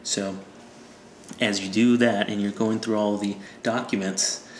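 Low-voiced man running a tabletop game. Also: level tone, a little slow. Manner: casual, laughing, loose and joking. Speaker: game master. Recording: echoey room with faint ambient noise.

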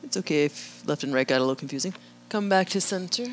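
Woman yoga instructor, low-pitched, steady class cueing, faint background hum. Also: fast talker. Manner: calm, cueing breath and movement, with rhetorical "right?". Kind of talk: guiding a live yoga class.

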